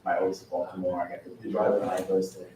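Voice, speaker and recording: A man talking over a phone held on speakerphone, with a flat, mumbled delivery. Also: deep voice, quick pace, very echoey, far from the mic, a crowd in the background.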